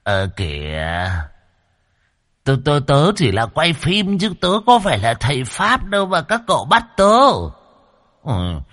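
Casting: a man doing a whimpering old ghost-soul in a spooky audiobook, high, thin, stammering, begging for mercy. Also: wildly swooping pitch, a little slow, fairly bright tone, heavily acted. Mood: whining pleading. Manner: whiny, stammering pleading. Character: whining cowardly old male ghost-soul, pleading.

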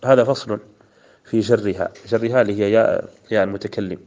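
A man with a Mauritanian Arabic accent teaching classical grammar, reciting verses slowly and then explaining them in a measured way with fillers. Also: lowish voice, fairly even intonation, a little mellow. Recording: dull lo-fi recording.

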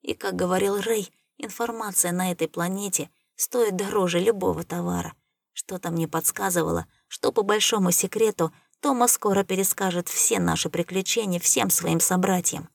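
A woman reading first-person audiobook narration in a wry, measured way. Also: fairly low pitch, creaky, dry recording, studio quality.

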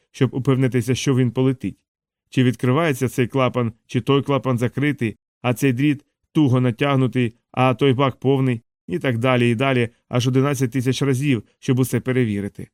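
A man's voice: medium pitch, darkish tone, no echo, lightly acted. A man voicing a folksy revivalist preacher who addresses a crowd with rhetorical questions in a dry, close audiobook recording.

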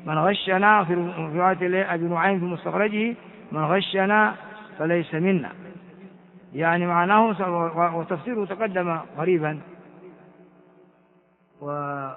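A man from Ethiopia gives a classroom commentary on hadith, repeating phrases and quizzing his students. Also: high-pitched. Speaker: hadith teacher. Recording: tinny, phone-like lo-fi recording.

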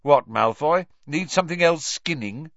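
A man's voice: fairly high pitch, animated, normal speed, a bit bright, dry recording, muffled recording, pitched above the performer's own voice. A man voicing a blunt, hot-tempered teenage schoolboy in a storybook reading. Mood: rough. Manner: rough, snappy.

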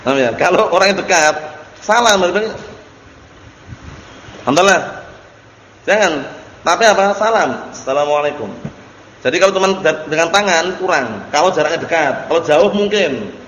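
A man's voice: high-pitched, moderate pace, long pauses, a bit bright. Man teaching in an echoey hall. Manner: explains Arabic text, often asks students questions. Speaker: Islamic teacher. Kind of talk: religious study lecture. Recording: echoey hall recording with faint noise.

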